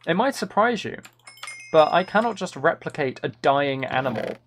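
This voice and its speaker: This livestreamer and author has a fairly high, bright voice that swings widely in pitch at a normal speed. Playful and rambling, he chats casually on his gaming stream and experiments with imitating game sounds. The recording carries faint noise and key clicks from computer keyboard typing and clicking nearby.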